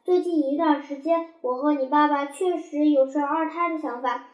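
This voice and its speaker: A woman's voice: sits high, normal speed, muffled recording, close to an everyday voice. Woman reading as a fond, emotional mother. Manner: fond, then anxious and choked. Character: warm, doting young mother. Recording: roomy echo.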